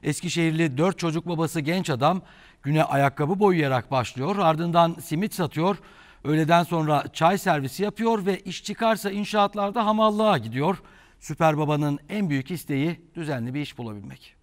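A man in his forties anchors the news with a somewhat high voice. He reads scripted introductions in a television studio. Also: moderate pace.

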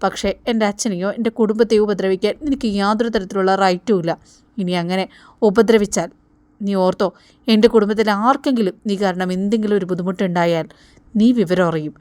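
A woman's voice: mid-range voice, steady tone, a little fast, darkish tone, no echo, close to an everyday voice. A woman voicing a young man who firmly warns a superior to leave his family alone. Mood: defiant. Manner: firm, warning.

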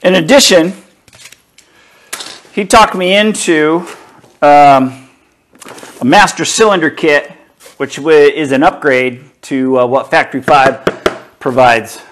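A middle-aged man slowly unboxing and inspecting car parts in his home garage, talking casually to a camera a few feet away. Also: a little high, fairly bright tone. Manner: slow, easygoing, talks while handling parts. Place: home garage workshop, indoors.

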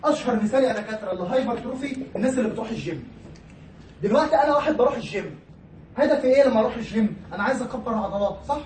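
Egyptian guy teaching pathology, asks the class stuff then answers it himself, pretty high voice, echoey lecture hall, kinda far off the mic. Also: expressive, rapid-fire, a little mellow, a little hiss or hum. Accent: Egyptian Arabic. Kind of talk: recorded university lecture.

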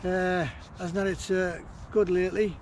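A man's voice: high-pitched, level tone, normal speed, darkish tone, a little hiss or hum. A man vlogging a fishing trip from a riverbank, chatting casually and rambling with fillers. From northern England. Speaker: angling vlogger. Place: riverbank outdoors. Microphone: action camera.

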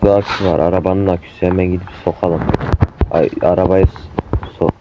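A man cursing nonstop as he plays a horror game, yelling in panic when chased. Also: sits low, steady tone, fairly quick, highs cut off. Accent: Turkish. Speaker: gamer. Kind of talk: horror game let's play commentary. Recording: noisy home mic recording.

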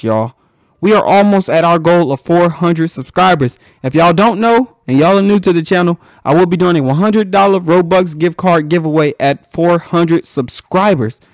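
A young man casually commenting on his own gameplay as a channel host, excitable and slangy, laughing often. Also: high voice, no room sound, clean studio sound.

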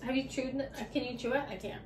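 Giggly high-voiced woman tasting snacks. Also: fairly even intonation, fast, a little mellow, a little hiss or hum. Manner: giggly, chatty. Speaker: vlog host. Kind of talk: casual unboxing taste test. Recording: echoey room, mic far off.

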